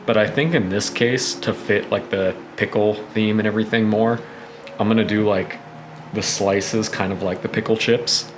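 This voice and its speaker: A man's voice: lowish voice, steady tone, normal speed, background noise. A man casually narrating his cooking at home, rambling in a laid-back, profane way. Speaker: host of a cooking vlog. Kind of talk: casual chat while cooking, narrating each step. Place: home kitchen.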